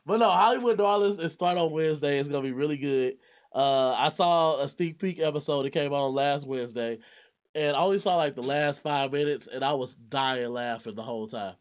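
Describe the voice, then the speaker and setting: A man's voice: a little high, fairly quick, clean tone. A man hosting a podcast about TV shows in a casual, joking, laid-back way, speaking. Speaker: podcast host. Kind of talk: casual chat.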